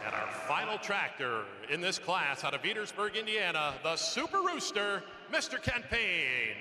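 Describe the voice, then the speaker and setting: High, swooping male tractor pull announcer. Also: very animated, normal speed, sharp tone, some chatter behind. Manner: showy announcer delivery, drawing out introductions. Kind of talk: live arena announcing of a competitor lineup. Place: large indoor arena. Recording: echoey arena PA with noise.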